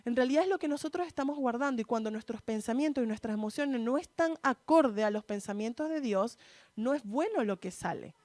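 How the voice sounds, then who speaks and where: A Chilean woman speaks to a church gathering in a somewhat high voice, laying out her points in clear steps and pausing often to check that the audience follows. The recording is dry, with little room sound. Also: expressive, darkish tone, no room sound. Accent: Chilean Spanish. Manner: asks the audience frequent checking questions; didactic, structured in steps. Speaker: psychologist giving a church talk. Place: church hall.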